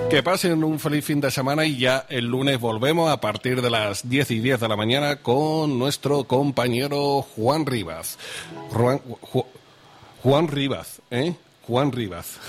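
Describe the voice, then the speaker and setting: Male radio host, casual and chatty live call-in style, average pitch. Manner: chatty, familiar, interjects "ajá" often.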